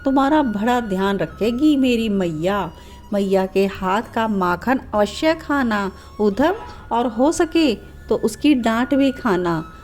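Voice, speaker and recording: A tender, tearful young god Krishna, as a woman storyteller puts him on, pleading in a slow, heartfelt voice. The reading is unhurried, with soft music playing behind. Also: a little high, lively intonation.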